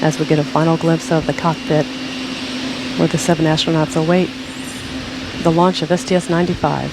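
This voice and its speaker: A man giving formal, measured public-affairs commentary on a launch. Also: a little high, level tone. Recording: clearly noisy outdoor-sounding ambience.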